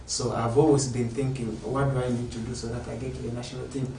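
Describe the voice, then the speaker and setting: A man from South Sudan, a footballer, answering interview questions in an earnest, steady way. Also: mid-range voice, fast. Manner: earnest, steady, explaining at length. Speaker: footballer guest. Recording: echoey room, distant mic, ambient noise.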